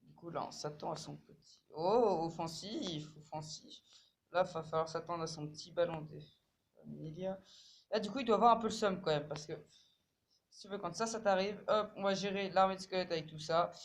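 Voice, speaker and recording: Excitable French-speaking gamer commentating. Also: male voice, sits high, fairly quick, gravelly, slight background noise. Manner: excitable, swears, repeats words, bursts into shouts. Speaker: gamer commenting his own match. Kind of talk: casual live game commentary.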